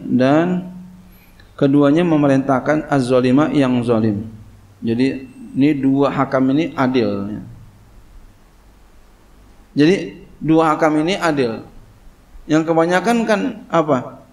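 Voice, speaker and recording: The speaker is a male Islamic cleric with a slightly high, slightly mellow voice, teaching Quranic commentary in a kitab study sermon. Arabic text comes first, read slowly, followed by casual Indonesian explanation full of "ya."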